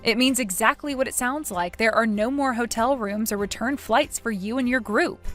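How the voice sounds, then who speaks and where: A woman voicing a cool, cutting young woman who mocks in a dry, measured way, in a read-aloud text story. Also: fairly high pitch, fairly bright tone, soft background music, lightly acted. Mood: sarcastic.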